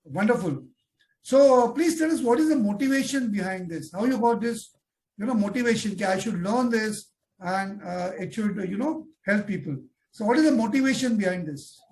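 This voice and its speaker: A man's voice: high voice, animated, normal speed, darkish tone, rough recording. A man hosting a talk show, introducing and questioning a guest in a friendly, effusive way with "you know" fillers. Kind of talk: interviewing a guest.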